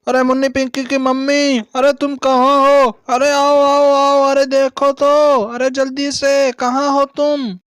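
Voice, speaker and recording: A man's voice: very high voice, monotone, takes it slowly, hardly any pauses, a bit bright, no room sound, studio quality, full character voice. A man playing a worried village father in a doll story, exclaiming often.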